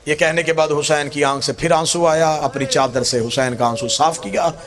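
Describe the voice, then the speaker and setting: A man's voice: fairly high pitch, fairly even intonation, normal speed. A male Islamic scholar delivering a mourning sermon in an impassioned, mournful declamation with wailing cries. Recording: crowd audible behind speaker. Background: gathered congregation.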